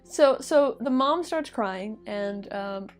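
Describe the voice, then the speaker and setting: A woman's voice: fairly high pitch, expressive, takes it slowly, faint music behind. A young woman casually retelling a myth to a friend, chatty and laughing, with many fillers. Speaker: podcast co-host retelling a myth. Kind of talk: casual storytelling chat.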